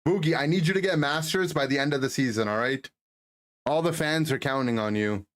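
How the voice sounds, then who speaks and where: A man's voice: mid-range voice, a little fast. A man live-streaming a video game, casually chatting and teasing his viewers as he answers their messages. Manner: teasing, reads and answers chat.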